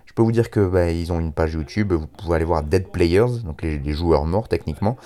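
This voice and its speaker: A French man hosts a music radio show by himself. His voice is low-pitched and soft-edged, with a dark, relaxed tone. He talks casually and hesitantly, readily putting himself down. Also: a little fast. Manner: self-deprecating, hesitant. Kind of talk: casual solo radio presenting.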